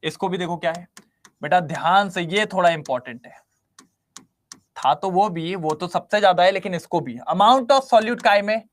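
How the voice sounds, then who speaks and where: A man's voice: high voice, normal speed. A man teaching chemistry in an online class, constantly quizzing his students and coaxing them to answer.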